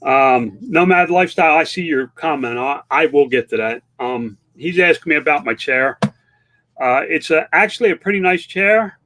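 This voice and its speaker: A man's voice: on the high side, lively intonation, normal speed, a bit bright. Candid older-sounding man in his fifties, rambling. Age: 50s. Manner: candid, rambling, with many restarts and fillers. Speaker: online seller and livestream host. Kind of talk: casual livestream chat reading viewer comments.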